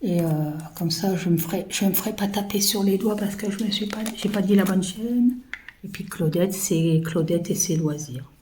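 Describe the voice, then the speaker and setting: Here a woman in her fifties speaks at a normal pace in a warm, fairly low voice, chatting casually to her viewers while crafting. Her talk rambles with plenty of fillers and self-directed muttering, recorded with poor audio and slight background noise.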